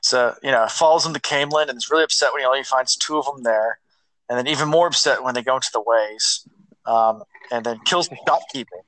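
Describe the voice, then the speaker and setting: A man's voice: mid-range voice, brisk, a bit bright, no room sound, rough recording. A man co-hosting a podcast over an online voice call, recapping the plot at length with lots of fillers. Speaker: podcast co-host. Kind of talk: casual book discussion chat.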